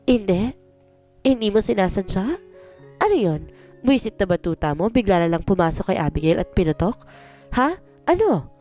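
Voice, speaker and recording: A woman's voice: fairly high pitch, animated, normal speed, a little mellow, pitched above the performer's own voice. A woman voicing a hot-tempered young woman who angrily confronts her friend in a read-aloud story. Faint music plays behind her. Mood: furious. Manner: angry, confrontational.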